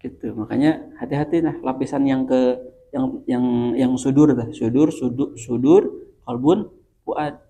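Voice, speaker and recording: Man, Sundanese accent, preacher, gravelly, mellow tone, chatty and laughing. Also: medium pitch, measured pace. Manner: chatty, laughs often, addresses listeners directly. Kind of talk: religious study talk.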